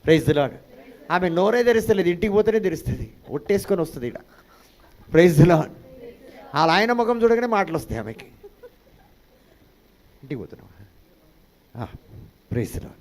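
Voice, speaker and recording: Guy preaching in church, slightly high voice, calls out to the crowd for answers. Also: sing-song, normal speed, long pauses. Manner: call-and-response preaching, mixing in English phrases. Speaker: pastor. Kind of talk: sermon.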